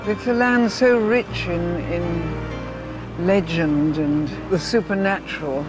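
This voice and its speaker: A woman's voice: lowish voice, slow, music in the background. An older woman chatting casually as a travel co-presenter. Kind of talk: casual conversation.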